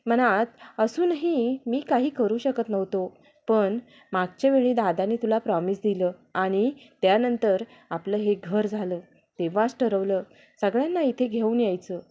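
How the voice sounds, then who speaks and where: A woman's voice: mid-range voice, unhurried, dark tone, lightly acted. A woman voicing a playful, affectionate young husband in a read-aloud family story, on a dull lo-fi recording. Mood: tender. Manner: teasing, affectionate.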